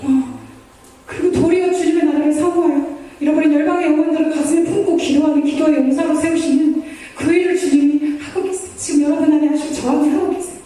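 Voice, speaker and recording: Woman preacher, sermon, earnest, pleading, warm tone, distant mic, big echoey hall. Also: sits high, steady tone, fast talker. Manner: earnest, pleading, with dramatic quoted prayers. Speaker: missionary preacher.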